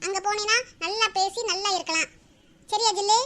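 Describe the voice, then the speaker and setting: A woman's voice: very high voice, steady tone, fairly quick, pushed and bright, a little hiss or hum. A woman playing a young mother, coaxing and scolding her child.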